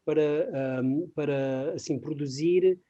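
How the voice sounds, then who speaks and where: A guest expert with a mellow, fairly high male voice gives a conversational webinar presentation on a muffled recording. He speaks non-native Portuguese sprinkled with English terms, halting and searching for words.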